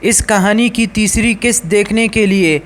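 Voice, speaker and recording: A man reading a scripted story aloud in a steady, even storytelling voice. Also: sits high.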